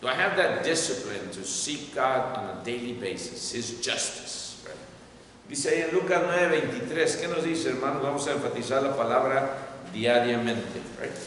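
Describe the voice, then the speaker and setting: Bright-voiced man teaching a Bible class. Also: mid-range voice, measured pace. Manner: asks the class questions, repeats points in English. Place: church hall. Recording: echoey hall, far from mic, faint noise.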